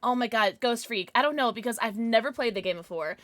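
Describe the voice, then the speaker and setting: A woman livestreamer chatting casually with her viewers in a playful, giggly, excitable manner. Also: on the high side, a little fast, no room sound. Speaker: live streamer, host.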